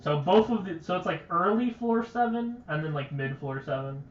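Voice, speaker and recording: A young man with a slightly high voice talks casually on a game stream, rambling and stammering, scattering "like" through every sentence. The sound is dull and roomy, with a faint steady hiss behind it. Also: moderate pace. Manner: rambling, stuttering, full of "like". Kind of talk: casual livestream talk.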